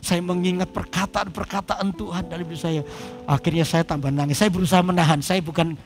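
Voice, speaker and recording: A male pastor delivers a sermon with a high voice and a gravelly edge. He animatedly plays out both sides of a conversation and leads his congregation in call-and-response. Faint music sits quietly behind him. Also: fairly even intonation, fairly quick. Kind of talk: sermon with personal storytelling. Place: church service before a congregation.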